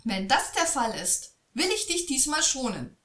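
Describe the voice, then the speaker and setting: A woman's voice: high voice, very animated, a little slow, fairly bright tone, pitched above the performer's own voice, heavily acted. Woman playing a cocky clever farm boy. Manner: cocky, bluffing. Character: clever boastful young farm boy, the youngest son. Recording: echoey room.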